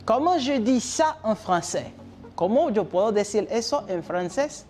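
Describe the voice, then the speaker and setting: A man leads a televised French lesson, moving back and forth between French and Spanish as he drills vocabulary. He speaks slowly, with a lively, rising-and-falling melody. He praises each answer with encouragement. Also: high-pitched, a little hiss or hum. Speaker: French teacher.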